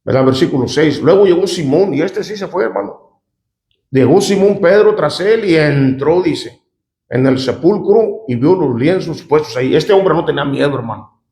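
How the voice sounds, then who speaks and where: Male pastor, conversational sermon with call-and-response asides, slightly high voice, echoey church sound. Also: lively intonation, moderate pace, vocal fry, warm tone. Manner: conversational, often asks the congregation "¿verdad?" and "¿cuántos dicen amén?". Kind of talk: sermon reading scripture aloud with commentary.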